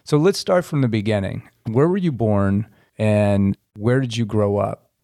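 A man hosting a podcast interview, asking friendly, measured questions. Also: lowish voice, mellow, dry recording, clean studio sound. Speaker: podcast host.

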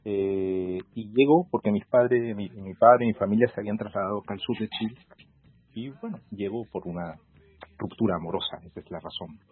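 Over audio that sounds like a phone call, a husky, lowish-voiced law professor from Peru, in his forties, reflects during a casual interview. He speaks with a Peruvian accent, measured and thoughtful, using lots of fillers.

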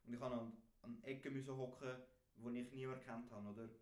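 A young man from Switzerland with a Swiss German accent, co-hosting a podcast and telling an animated, slangy story full of acted-out quotes. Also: medium pitch, quick pace. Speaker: podcast co-host. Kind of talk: casual storytelling chat. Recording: roomy echo.

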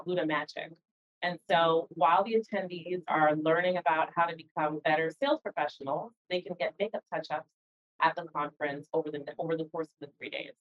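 A woman answering interview questions as a guest in a conversational way, recorded with dull, lo-fi call audio. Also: deep voice. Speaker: interview guest, organization founder.

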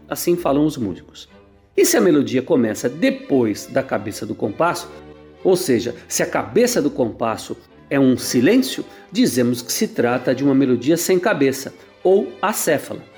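A man's voice: mid-range voice, a little mellow. A man with a Brazilian Portuguese accent, a conductor answering listeners' questions on the radio in a patient, didactic way, now and then singing short melody examples.

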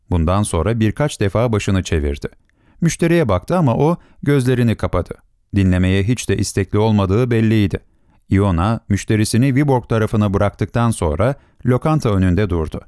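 Low-voiced male storyteller. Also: warm tone, dry recording, studio quality. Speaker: narrator. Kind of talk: scripted narration.

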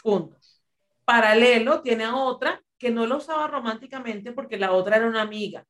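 A woman's voice: on the high side, brisk, a bit bright. A woman, co-hosting a podcast and retelling a story in casual chat, rambling with filler phrases. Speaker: podcast co-host.

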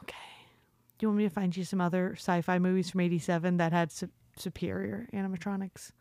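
A woman's voice: fairly low pitch, level tone, fast talker, darkish tone, no echo. Female podcast co-host, sardonic and teasing, short jabs, close dry recording. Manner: dry, teasing, sarcastic asides. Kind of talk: casual chat.

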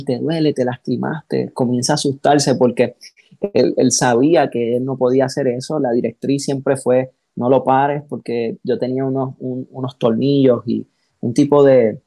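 A man's voice: medium pitch, warm tone, no echo, low-quality recording. A pastor giving an emotional personal testimony in an interview. He tells the story with energy and acts out the voices he quotes.

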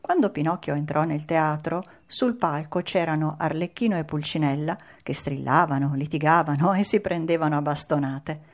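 A woman narrating a children's storybook in an expressive, lively read-aloud manner. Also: low-pitched, moderate pace, few pauses.

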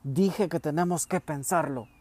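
A man voicing a stern, injured middle-aged father who speaks curtly and shouts in anger. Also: fairly high pitch, unhurried, dry recording. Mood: angry shouting. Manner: shouting, curt and angry.

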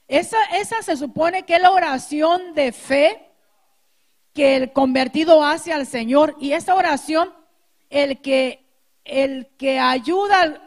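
A woman pastor teaching a sermon to her congregation, speaking through a sore throat and pausing to clear it. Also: high voice.

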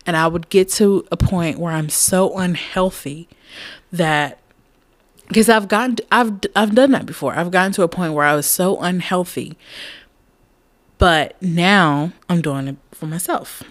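Woman, late twenties, low-pitched, candid and rambling, laughs a lot, dry close sound. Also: measured pace, no room sound. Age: late 20s. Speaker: podcast host. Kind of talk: casual personal monologue.

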